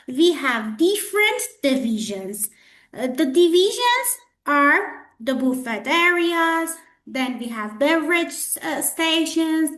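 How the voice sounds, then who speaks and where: A woman's voice: sits high, a bit bright, reverberant. A woman trainer lecturing students in a classroom, repeating herself and checking in with "okay?" and "guys". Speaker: hospitality trainer.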